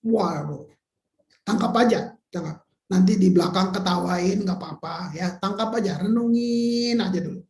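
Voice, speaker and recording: A man's voice: high-pitched, moderate pace, a little mellow. A male pastor preaching an informal sermon, talking conversationally, exclaiming and repeating words as he searches for them. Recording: roomy hall echo.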